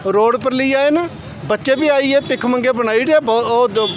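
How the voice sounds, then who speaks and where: A man's voice: extremely high pitch, moderate pace. An older man complaining angrily at a street sit-in, firing bitter, accusing rhetorical questions, with a crowd and traffic around him. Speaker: protester. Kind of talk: angry protest complaint. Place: outdoor protest tent by a road. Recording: outdoor crowd noise.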